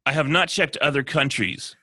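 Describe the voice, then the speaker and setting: A man's voice: mid-range voice, moderate pace, pushed and bright, no room sound, studio quality. A man, a podcaster and author guesting on a casual video chat, joking and teasing.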